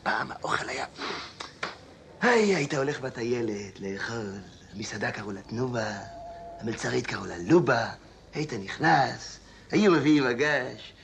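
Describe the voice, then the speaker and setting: A man playing a gravelly rambling old grump. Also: medium pitch, animated, background noise. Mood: rambling nostalgic. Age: older. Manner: grumbling, chatty, rambling tangents. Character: rambling old Israeli man, grumbling and nostalgic. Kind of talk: comedy sketch.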